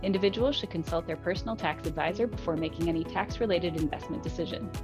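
A low-voiced woman reads a scripted legal disclaimer as a formal announcer. Her delivery is measured, and music plays clearly underneath her.

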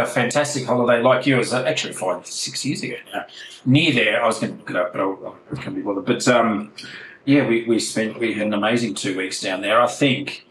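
A man's voice: medium pitch, fairly bright tone, echoey room, a little hiss or hum, rough recording. A man co-hosting a casual podcast, chatty and rambling, laughing often over a video call. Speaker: podcast co-host. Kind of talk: casual chat.

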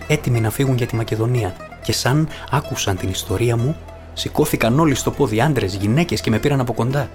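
Man reading an audiobook. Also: fairly low pitch. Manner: measured storytelling, voicing characters. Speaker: audiobook narrator. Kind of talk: scripted narration of a book. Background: faint guitar music.

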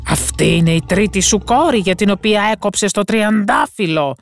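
A woman voicing a male beast in a fairy tale, speaking slowly and softly as he reassures and makes promises. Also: medium pitch, over music, voice pushed up, close to an everyday voice. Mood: questioning.

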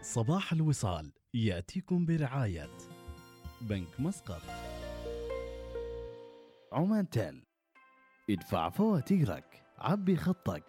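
A man announces a sponsor promo over clear music. His mid-pitched voice swings very widely for emphasis. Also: wildly swooping pitch, measured pace, pauses often. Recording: music bed behind the voice.

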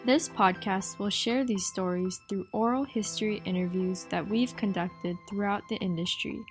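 A woman host reading a scripted podcast introduction slowly and evenly. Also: medium pitch, faint music behind.

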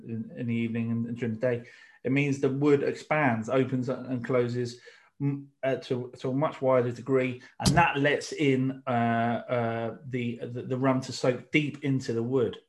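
A middle-aged man co-hosting a casual drinks podcast, explaining at length with many restarts. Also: mid-range voice. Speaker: podcast co-host. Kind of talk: casual chat about drinks tasting.

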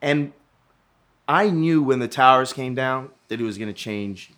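Casting note: male podcast co-host, loose and profane, keeps restarting sentences, mid-pitched everyday voice. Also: a little slow, a bit bright. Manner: rambling storyteller, profane, many restarts. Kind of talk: casual chat.

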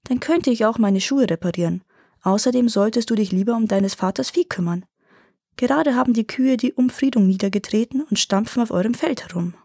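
A calm, shrewd little heather dwarf from a storybook fairy tale, read by a woman. He speaks matter-of-factly and unhurried. The tone is warm and slightly husky, close and dry. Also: on the high side, no room sound. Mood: calm scolding.

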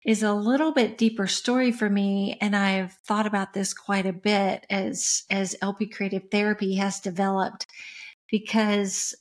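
A soft-spoken, middle-aged woman from West Tennessee, a music industry coach, appears as an interview guest and tells the story of her career. Her mid-range voice is flat in delivery, and her reflective, conversational storytelling is full of pauses, fillers and restarts.

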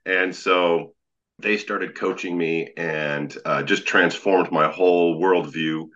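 Very deep, magnetic-voiced man in conversation. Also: fairly even intonation, takes it slowly, fairly bright tone. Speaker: podcast guest, leadership coach. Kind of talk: conversational interview storytelling. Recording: slightly dull, lo-fi.

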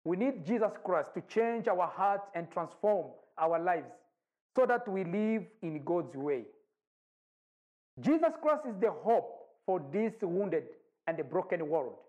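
A man, an evangelist giving a measured recorded sermon. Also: high-pitched, big pitch swings, darkish tone. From Rwanda. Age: 40s. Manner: measured, deliberate preaching with long pauses. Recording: dull lo-fi recording.

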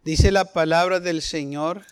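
High-voiced fervent preacher. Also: male voice, fairly even intonation, a little slow, smooth. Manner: fervent, rhetorical questions, acts out quoted voices. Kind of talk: sermon.

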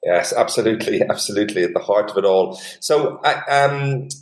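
A man interviewing a guest, phrasing his questions haltingly and repeating words as he goes. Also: fairly low pitch, expressive, roomy sound. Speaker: podcast interviewer.

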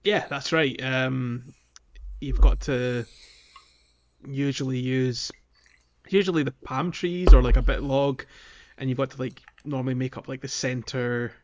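A man co-hosts a gaming podcast, talking casually and conversationally in an unhurried, mid-range voice. The recording is dull and lo-fi.

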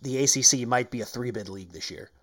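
A man's voice: medium pitch, fast, a bit bright. A man co-hosting a sports talk show, bluntly reading out stats and teasing his partner. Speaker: co-host.

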